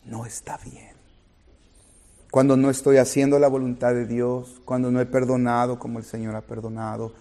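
A man preaching a sermon, climbing to loud emphatic peaks and sinking low and soft, restarting phrases as he goes. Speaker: pastor.

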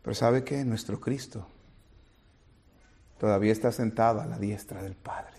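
A pastor whose voice sits on the low side, with a breathy edge, preaches at a normal speed. His sermon is animated, directed at the congregation, and includes small acted-out scenes.

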